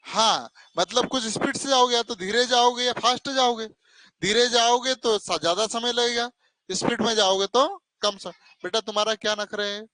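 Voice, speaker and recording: Stern high-voiced teacher. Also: male voice, normal speed, pushed and bright, dry recording, low-quality recording. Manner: stern, scolding, calls students 'beta', asks 'hai na?'. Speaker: coaching teacher. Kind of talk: classroom math lesson. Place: classroom with students and online viewers.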